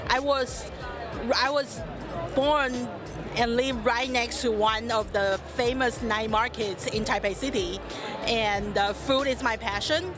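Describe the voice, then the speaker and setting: A woman with a Taiwanese accent speaks earnestly about travel, pausing often with uhs. Her voice sits a little high. Music and crowd noise from the expo floor surround her. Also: fairly even intonation. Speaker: tourism guest. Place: busy travel expo hall.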